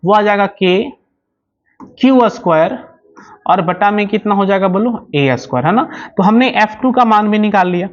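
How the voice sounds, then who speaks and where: A man teaching physics at a board, explaining slowly and over and over, asking questions and answering them himself. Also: high voice, animated. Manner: keeps asking and answering his own questions; slow, repetitive explaining. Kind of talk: whiteboard lecture. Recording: slightly dull lo-fi sound.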